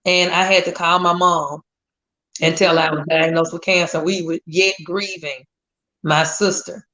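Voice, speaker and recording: A woman in her forties giving a grateful, steady personal testimony as a guest. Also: lowish voice, moderate pace. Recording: dull lo-fi audio.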